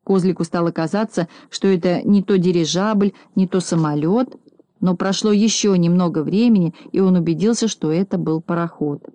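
A woman reading a children's storybook aloud in a calm, measured narration. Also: lowish voice, dry recording. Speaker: audiobook narrator.

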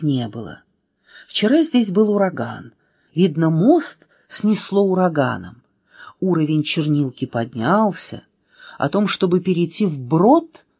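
A woman reading a children's storybook aloud in an expressive way, changing voices for the figures. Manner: expressive, changing pitch for drama. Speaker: reader.

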